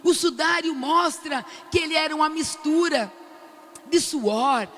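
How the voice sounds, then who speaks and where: An older woman with a Brazilian accent giving an animated testimony at a prayer meeting, acting out the lines she quotes. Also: sits high, measured pace, long reverb tail, slight background noise. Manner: animated storyteller who loudly acts out the quoted lines. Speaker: prayer group speaker. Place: large cathedral.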